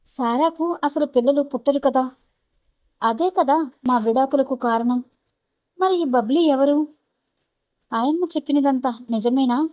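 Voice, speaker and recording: A woman's voice: sits high, unhurried, long pauses, darkish tone, no echo. A woman storyteller voicing a grown man, an angry and wounded ex-husband who presses with demanding questions. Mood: troubled.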